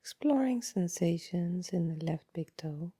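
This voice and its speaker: A woman guides a body scan meditation in a soft, breathy, lowish voice, calm and unhurried. She often trails off into a near-whisper and leaves long pauses, and the recording has no echo.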